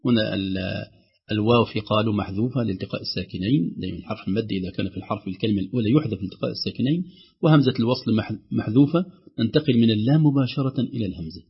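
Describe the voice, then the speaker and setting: A man teaching Quran recitation rules on a call-in show, explaining each rule and then reciting the examples slowly and drawn out. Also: on the low side, gravelly, breathy edge. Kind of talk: tajweed lesson on a call-in show. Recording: dull lo-fi broadcast sound.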